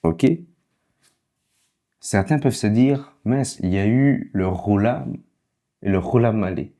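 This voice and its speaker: A man's voice: fairly low pitch, slow, warm tone. A man teaching how to read Biblical Hebrew in a casual online lesson. He is patient and keeps checking in with "ok?".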